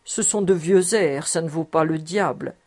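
A woman's voice: low voice, moderate pace, a little mellow. A woman voicing a cheerful, boastful grown man who loves showing off his music. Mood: jovial.

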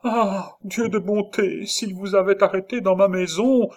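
A frightened, superstitious peasant nurse woman, put on by a male reader, her voice pushed up high and loud. She cries out in alarm, a countrywoman caught between fear and pity in a spoken storybook. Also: animated, slow pace. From Normandy (figure). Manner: high, cried-out exclamations.

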